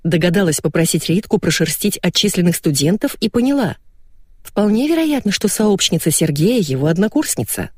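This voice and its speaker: A woman narrates a first-person story in a wry, expressive manner. Her voice sits low but moves with wide, lively swings of pitch. The recording is dry and close, with no room sound. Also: brisk, no room sound. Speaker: audiobook narrator.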